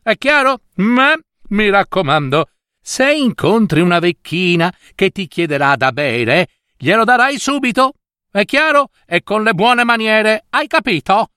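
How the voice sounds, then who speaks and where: A man doing a shrill, bossy stepmother. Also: sing-song, unhurried, pushed and bright, no echo, clean studio sound, exaggerated voice. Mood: commanding. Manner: shrill and scolding, exclaiming.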